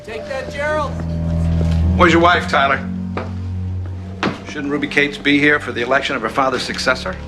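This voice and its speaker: An actor playing a contemptuous rival for leadership, goading and rhetorical, in a television drama. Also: male voice, on the high side, animated, moderate pace, long pauses, natural voice. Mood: taunting. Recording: music clearly behind the voice.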